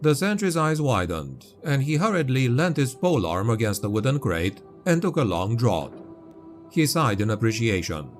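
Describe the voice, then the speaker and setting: Guy narrating grimdark fantasy, dark dramatic read, really expressive pitch, music under it. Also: normal speed. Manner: grave, dramatic, dark storytelling. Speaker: audiobook narrator.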